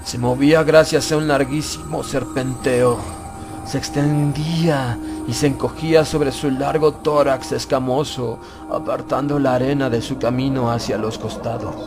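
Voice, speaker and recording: In a mid-range, fairly even, unhurried voice, a man narrates a horror audiobook in the first person, grave and suspenseful. Loud background music plays beneath him.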